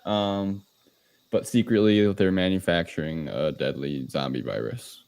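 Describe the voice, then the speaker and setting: A deep-voiced podcast host, creaky and a little mellow, recaps a film in an unhurried, steady tone. He explains things loosely and hesitantly, keeping the movie discussion casual and informal.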